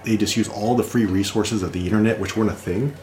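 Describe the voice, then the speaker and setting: Deep-voiced man musing on his craft. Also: fairly even intonation, fast, a little mellow. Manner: reflective, rambling with restarts. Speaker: guest designer. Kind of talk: casual conversation.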